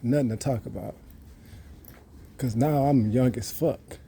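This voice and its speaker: A man's voice: medium pitch, unhurried, gravelly, dark tone, slight background noise. Rambling, boastful man in his thirties. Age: 30s. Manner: rambling, boastful, repeats himself. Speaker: vlogger. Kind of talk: casual monologue.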